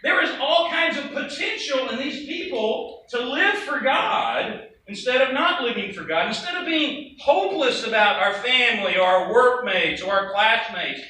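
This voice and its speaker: A man's voice: very high voice, animated, normal speed, hardly any pauses, pushed and bright. A man preaching a sermon to a congregation, talking conversationally with rhetorical questions and casual asides. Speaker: pastor. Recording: echoey room, distant mic, faint noise.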